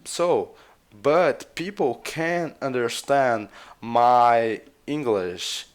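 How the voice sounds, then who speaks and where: With a smooth, mid-range voice, a Brazilian man who makes language videos talks casually about how to learn languages. He's a native Portuguese speaker with a Brazilian Portuguese accent, and his speech is hesitant, repetitive and full of uhs.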